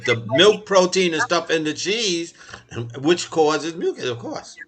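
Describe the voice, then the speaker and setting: A man's voice: a little high, lively intonation, unhurried, fairly bright tone. A man in his eighties co-hosting a casual talk show, earnest, often repeating and restarting words. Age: 80s. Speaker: co-host.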